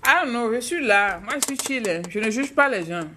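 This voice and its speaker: This is a chatty, frank woman originally from Africa who hosts a casual live stream and talks straight to her viewers as she answers their questions. Her voice is bright and forward, and faint noise sits under it. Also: on the high side, animated, brisk. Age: adult, mother of a child. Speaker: YouTuber hosting a live stream.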